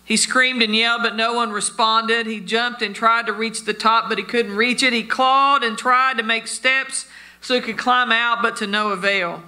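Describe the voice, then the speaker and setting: A man's voice: extremely high pitch, fairly even intonation, normal speed, bright, forceful tone. A man preaching a sermon, telling stories and addressing his listeners as friends. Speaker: pastor.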